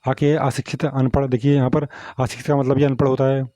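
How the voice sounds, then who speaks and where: A man's voice: mid-range voice, little pitch movement, fast, dark tone, dry recording. A man teaching a Hindi grammar lesson, explaining punctuation marks and often asking whether students understood. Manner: repetitive, asks "samjhe?" often.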